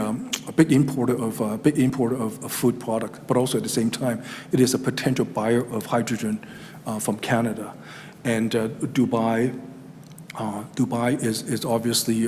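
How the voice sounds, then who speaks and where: A middle-aged man with a Chinese accent presents to a town council, halting over his words and filling the gaps with "uh" and "um." His voice sits at a medium pitch and carries a long reverb from the chamber. A faint hum of room noise stays under him throughout. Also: darkish tone. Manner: hesitant, many fillers and restarts. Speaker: regional economic development presenter.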